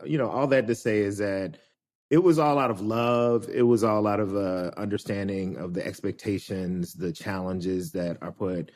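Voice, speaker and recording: Guy on a podcast, low voice, thinking out loud, lots of ums and pauses. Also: steady tone. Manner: thoughtful, hesitant, many fillers. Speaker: podcast guest. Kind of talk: reflective conversation.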